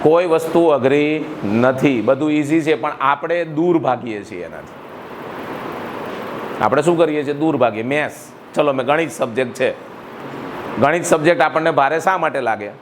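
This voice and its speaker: In a school hall, a middle-aged Gujarati school director from Gujarat, India, motivates students and fires questions at them rhetorically. His voice is fairly high and lively, moving at a moderate pace with long pauses, and background noise is audible.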